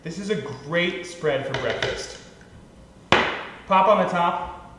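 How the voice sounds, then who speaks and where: A man's voice: high-pitched, slow, very echoey, noisy background. A young man hosting a cooking show, chatty and playful, talking straight to viewers as he demonstrates recipes. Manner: chatty, playful and upbeat, addressing viewers directly. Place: kitchen.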